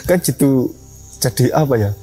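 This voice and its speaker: A man's voice: mid-range voice, lively intonation, normal speed, mellow, faint music behind, poor audio. A young man, a mountain ranger and guide telling a story in an interview and acting out its dialogue. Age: young adult.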